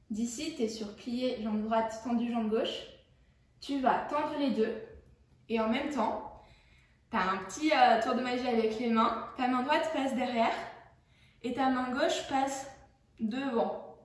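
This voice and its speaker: A young woman walks a student through a dance routine, calling out each move. She talks slowly and marks the beats with sung sounds. The room is very echoey. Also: a little high. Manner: counts out moves with sung sounds like "foum" and "poum"; sings along in English during the run-through. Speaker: dance teacher. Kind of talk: dance tutorial instruction. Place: dance studio. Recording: echoey dance studio, mic far off.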